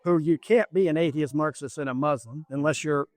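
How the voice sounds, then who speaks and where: A man campaigning for office speaks in an interview with an emphatic, lecturing drive, circling back to repeat his points. His voice sits a bit high, and the recording is dry and close. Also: fairly quick, dry recording. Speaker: political candidate.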